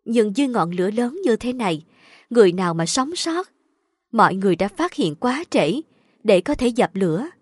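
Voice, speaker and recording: A woman narrating a dramatic story in a steady storytelling voice. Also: mid-range voice, normal speed, breathy edge, no room sound, studio quality.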